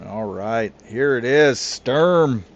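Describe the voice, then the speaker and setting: A man doing casual, excitable play-by-play commentary for a league, throwing in chatty asides to his co-hosts. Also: medium pitch, slow. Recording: slightly muffled with clear music behind.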